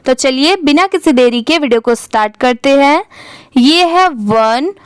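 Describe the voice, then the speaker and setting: A woman teaching English reading, spelling each word letter by letter, then saying it slowly and asking and answering her own questions. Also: sits high, animated, no room sound. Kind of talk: step-by-step spelling and pronunciation lesson.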